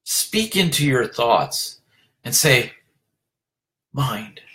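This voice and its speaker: A man giving an earnest motivational talk as a leadership coach, urging listeners on, repeating his phrases and filling pauses with "you know". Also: medium pitch, big pitch swings, sharp tone.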